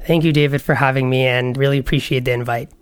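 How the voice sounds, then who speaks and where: A young man from Bangladesh, a podcast guest telling his story in an earnest, measured way with frequent fillers. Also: medium pitch, fairly even intonation, smooth, no echo, clean studio sound. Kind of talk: podcast interview.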